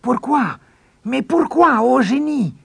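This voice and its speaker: A man's voice: high-pitched, expressive, measured pace, creaky, a little mellow, husky, pitched above the performer's own voice, heavily acted. A man voicing a poor, frightened fisherman who stammers and begs for mercy. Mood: pleading. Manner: stammering, begging.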